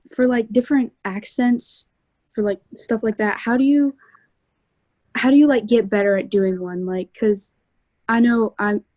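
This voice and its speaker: A woman's voice: a little high, dark tone, no echo. A young woman in a video call asking a hesitant question, full of fillers.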